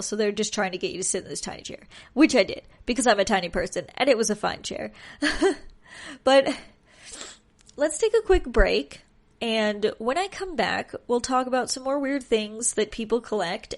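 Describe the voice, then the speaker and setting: A woman hosting a casual solo podcast, chatty and joking, sounding congested and nasal as if pinching her nose. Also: mid-range voice. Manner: chatty, joking, self-deprecating. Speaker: podcast host.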